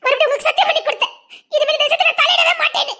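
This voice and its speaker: A tearful betrayed pregnant wife. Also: female voice, very high-pitched, steady tone, very fast. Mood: anguished. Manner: tearful, shouting, bitter laughs. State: crying. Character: betrayed pregnant young wife, distraught and accusing. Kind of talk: TV serial acting.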